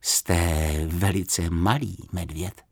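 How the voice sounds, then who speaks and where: A man's voice: low-pitched, steady tone, breathy edge, voice pushed down. Man doing a disbelieving storybook wife. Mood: incredulous. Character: middle-aged wife, incredulous then startled.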